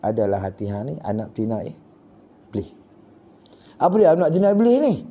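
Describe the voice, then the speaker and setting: A male religious teacher teaches in a mosque lecture hall. His tone is dark and mellow, and his pitch sits in the middle. He tells stories, rising for emphasis and dropping into quiet asides. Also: sing-song, moderate pace. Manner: storytelling, swinging between loud and quiet asides. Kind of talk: kitab study lecture.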